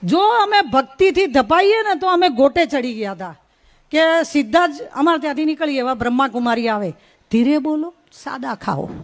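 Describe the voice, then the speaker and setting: A woman's voice: high-pitched, lively intonation, moderate pace. A middle-aged woman from Gujarat, giving a humorous, folksy storytelling speech at a religious gathering. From North Gujarat. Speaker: guest speaker at a religious gathering.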